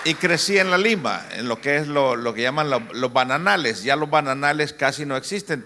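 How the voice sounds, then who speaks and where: A man's voice: mid-range voice, sharp tone. A man in his sixties with a Honduran accent, a pastor giving a church conference talk in a joking, anecdotal way. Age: 60s. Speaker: pastor and family-conference speaker.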